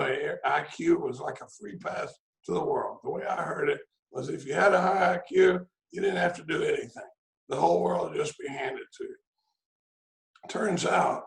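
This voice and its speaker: His voice sits high and gravelly as this sixty-something man from Dallas tells his AA story via video call from a home room with an echo. The share is rambling and joking, with "I mean" and "you know" turning up often.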